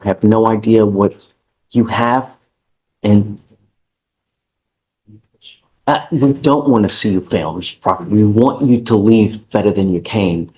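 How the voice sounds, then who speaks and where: A man's voice: on the low side, measured pace, pauses often, a little mellow, poor audio. Stern, exasperated man judge lecturing. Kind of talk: courtroom ruling. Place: courtroom.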